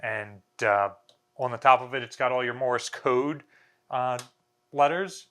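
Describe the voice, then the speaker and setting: In a small bare room indoors, an American in his thirties hosts a museum video, explaining things informally to camera in a casual manner with wry, dry humour. His voice is medium-pitched and a bit bright, at a measured pace.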